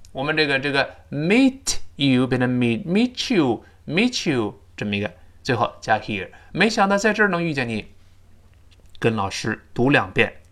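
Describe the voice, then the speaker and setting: A man teaching a spoken English lesson in Chinese, modelling English phrases slowly with a Chinese accent for listeners to repeat. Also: medium pitch, sharp tone.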